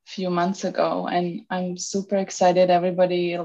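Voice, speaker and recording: A woman's voice: on the low side, monotone, normal speed, mellow, muffled recording. A woman from Serbia with a Serbian accent, chatting relaxedly as a podcast guest, with many ums and restarts. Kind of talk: casual interview chat.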